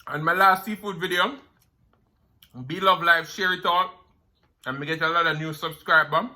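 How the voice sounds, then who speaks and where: Jamaican man eating crunchy fried chicken, bright voice. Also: fairly high pitch, steady tone. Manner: eating crunchy fried chicken while talking, savoring pauses and mms. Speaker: mukbang host. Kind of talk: casual eating-show chat.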